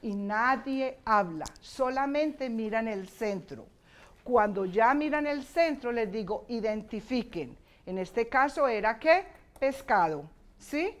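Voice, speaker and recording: A woman teacher giving a conference presentation in a slightly high voice. She walks through her classroom activities one step at a time. She moves back and forth between English and Spanish as she explains.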